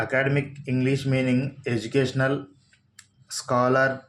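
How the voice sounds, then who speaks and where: A man's voice: mid-range voice, monotone, a bit bright. A man with a Telugu accent teaching English vocabulary, reading out each word, spelling it letter by letter and giving its meanings. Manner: spells words out letter by letter, slowly. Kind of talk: slow vocabulary lesson.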